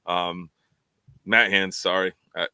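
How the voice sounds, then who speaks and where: A man's voice: low voice, level tone, takes it slowly, gravelly, pushed and bright, clear, resonant tone, dry recording. A man co-hosting a fan podcast, chatting casually and rambling with lots of fillers and repeated words. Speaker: podcast co-host.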